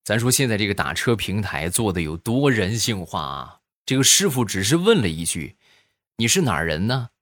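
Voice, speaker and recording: A man telling comic stories in an animated, chatty way. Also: fairly low pitch, normal speed, few pauses, dry recording, studio quality. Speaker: comedian telling jokes. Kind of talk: comic storytelling.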